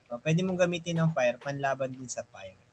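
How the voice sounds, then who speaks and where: A man's voice: mid-range voice, moderate pace, crowd noise. A Filipino-accented man co-hosting a podcast, thinking aloud in casual chat. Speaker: podcast co-host.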